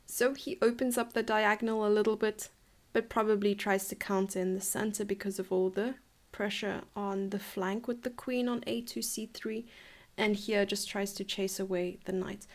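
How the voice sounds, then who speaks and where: A woman's voice: mid-range voice, gravelly. A woman in her twenties from South Africa, coaching a chess lesson in a chatty, enthusiastic way from a room at home. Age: 20s. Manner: chatty, enthusiastic, laughs and muses aloud. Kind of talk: live-streamed chess lesson.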